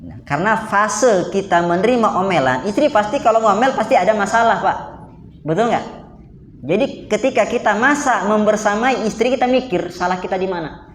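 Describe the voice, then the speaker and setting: A man's voice: high-pitched, animated, fairly quick, fairly bright tone, roomy sound, a little hiss or hum. An Indonesian man preaching in a mosque, asking his listeners questions and answering them himself. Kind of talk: lively sermon. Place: mosque hall.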